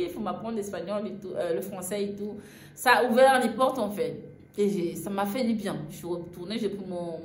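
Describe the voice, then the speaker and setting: A woman's voice: medium pitch, a little mellow. Chatty woman in an echoey room. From Gabon. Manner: chatty, frequent fillers and "en fait". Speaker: vlogger telling a travel story. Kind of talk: casual storytime narration. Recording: echoey room, faint ambient noise.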